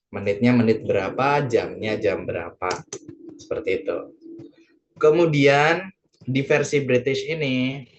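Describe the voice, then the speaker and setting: A man's voice: medium pitch, highs cut off, slight background noise. A man with an Indonesian accent teaching an online English lesson, patiently repeating each point and translating it phrase by phrase.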